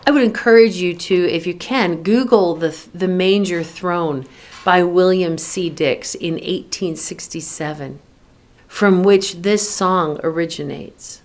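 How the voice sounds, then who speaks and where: A woman hosting a devotional podcast, earnestly reflecting on a hymn and pausing over her words. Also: lowish voice. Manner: earnest, reads hymn lyrics and poems aloud; halting restarts when speaking freely. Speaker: podcast host.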